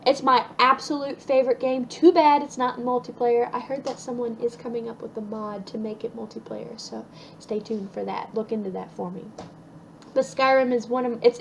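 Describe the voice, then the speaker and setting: Chatty upbeat woman, slightly high voice. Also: slight background noise, poor audio. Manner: chatty, upbeat, frequent ums and restarts. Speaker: vlogger. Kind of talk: casual list vlog.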